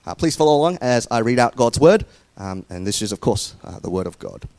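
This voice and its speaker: A man's voice: medium pitch, very animated, fairly quick, darkish tone, no room sound. A man with occasional New Zealand inflections gives a casual, hesitant sermon introduction full of fillers, then reads scripture aloud at a church service. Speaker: preacher.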